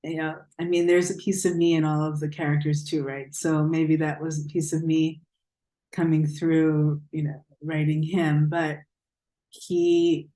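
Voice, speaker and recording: Woman author, flat and mellow, thoughtful answers, echoey room. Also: deep voice, a little slow. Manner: thoughtful, searching for words. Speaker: author and rabbi. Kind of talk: answering a question about her novel.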